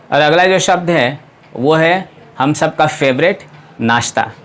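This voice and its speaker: A man teaching English pronunciation, spelling out words letter by letter and repeating them slowly. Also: a little high, a bit bright. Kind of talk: pronunciation lesson.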